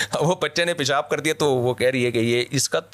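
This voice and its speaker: A man from Pakistan, a vlogger, talking in a casual discussion as an animated, emphatic storyteller who laughs often. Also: medium pitch, unhurried.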